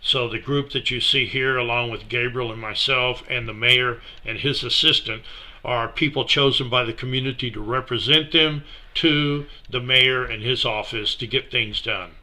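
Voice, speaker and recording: Bright-voiced man narrating a slideshow. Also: medium pitch. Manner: relaxed, unhurried, many fillers. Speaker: missionary presenting a slideshow. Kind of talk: casual slideshow presentation.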